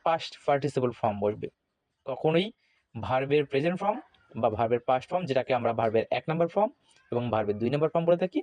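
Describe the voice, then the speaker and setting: A man with a Bangladeshi Bengali accent teaching an English grammar lesson, slow and deliberate, spelling words out letter by letter. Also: medium pitch, a little mellow, dry recording.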